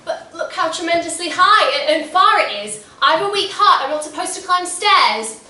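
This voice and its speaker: A woman's voice: extremely high pitch, animated, moderate pace, bright, forceful tone, exaggerated voice. A teen girl playing a wistful fragile young woman. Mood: pleading. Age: teenage. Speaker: school play actress. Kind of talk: stage acting. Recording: echoey school stage from far off.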